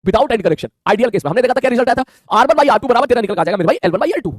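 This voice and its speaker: A man teaching a physics lesson online, talking in a quick, colloquial way and checking in with his students constantly. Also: extremely high pitch, lively intonation, no room sound, studio quality. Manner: rapid colloquial Hindi, calls students "mere bhai", frequent "theek hai".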